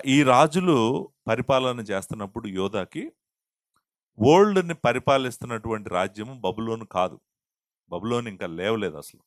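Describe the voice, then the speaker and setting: A man's voice: mid-range voice, no echo. A male pastor preaching an expository sermon, teaching with rhetorical questions and mixing English words into his talk. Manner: mixes English words into Telugu.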